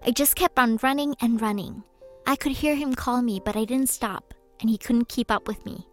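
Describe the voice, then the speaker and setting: Woman, interpreter voice-over in first person, higher voice, steady measured read, soft music underneath. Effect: interpreter voice-over speaking in first person. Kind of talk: translated first-person testimony from a video.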